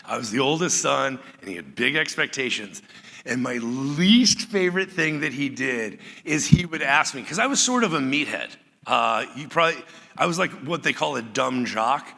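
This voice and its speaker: A middle-aged man preaching a conversational, animated sermon as pastor. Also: mid-range voice, moderate pace, gravelly, long reverb tail. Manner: animated, conversational, acts out quoted lines.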